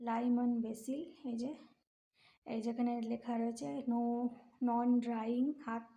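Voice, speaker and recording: A middle-aged woman chatting softly and rambling through a grocery haul at home at night, talking into a bluetooth earpiece. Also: a little high, little pitch movement, slow. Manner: soft-spoken, rambling, chatty asides. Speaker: home vlogger. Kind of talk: casual grocery haul chat. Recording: echoey room.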